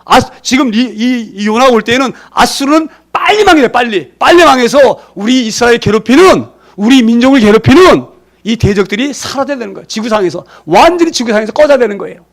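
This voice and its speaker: This pastor preaches with emphasis and animation at a quick clip, throwing rhetorical questions at his congregation. When he voices the people he quotes, his pitch and loudness jump dramatically.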